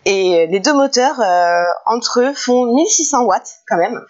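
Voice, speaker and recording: A woman's voice: a little high, expressive, unhurried, darkish tone. A woman talking casually to camera in a car detailing vlog, hesitant, with many fillers and restarts, often laughing. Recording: dull lo-fi recording.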